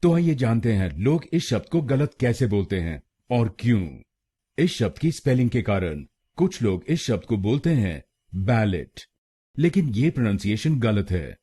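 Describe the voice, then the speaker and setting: A man from India teaching pronunciation in a scripted lesson, speaking slowly and deliberately and repeating each word twice. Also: medium pitch, big pitch swings, warm tone, husky.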